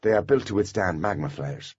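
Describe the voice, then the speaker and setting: A man's voice: deep voice, animated, fairly quick, darkish tone, husky, highs cut off. A man doing a cold, formal young genius. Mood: impatient.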